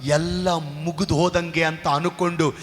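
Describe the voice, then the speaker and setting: A man preaching a sermon as pastor, repeating phrases and building to shouted exhortation. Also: on the high side, flat delivery, measured pace, big-room sound. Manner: repetitive, rising to shouted exhortation.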